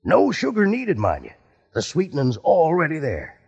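An actor playing a folksy cowboy pitchman who drawls heartily in an old radio commercial. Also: wildly swooping pitch, normal speed, vocal fry, slightly rough, heavily acted. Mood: hearty. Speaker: ad announcer. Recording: slightly dull old radio recording.

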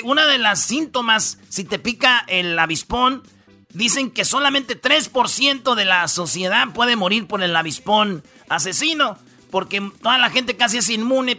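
Slangy Mexican radio host, high bright voice. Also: male voice, moderate pace, faint music behind. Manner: slangy, storytelling, lots of fillers. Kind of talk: casual comedic radio banter.

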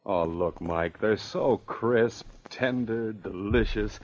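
A male radio announcer giving an excitable, gushing 1950s cereal commercial. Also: slow pace. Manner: excitable, gushing sales pitch. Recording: dull old radio broadcast.

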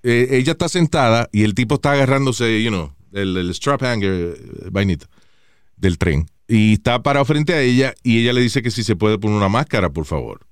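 Male co-host, lively, profane, switches between Spanish and English mid-sentence; clear, dry close-mic sound. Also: on the low side, fairly quick, no room sound. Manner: animated, mixes Spanish and English, swears freely. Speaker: co-host of a talk show. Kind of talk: casual bilingual chat.

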